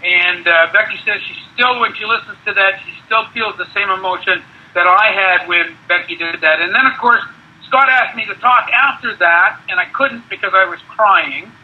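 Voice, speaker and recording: High-voiced older man recalling a coaching career, muffled. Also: normal speed, slightly rough. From Canada. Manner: rambling with many restarts and repeated words. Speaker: guest, ski area manager and former cross-country ski coach. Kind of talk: conversational interview.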